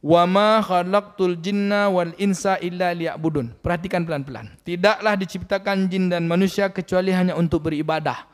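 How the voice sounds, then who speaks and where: Speaking at a normal speed with a voice that sits high, this Riau, Indonesia man in his 40s preaches in a mosque hall and questions the congregation directly. A long hall reverb trails his words.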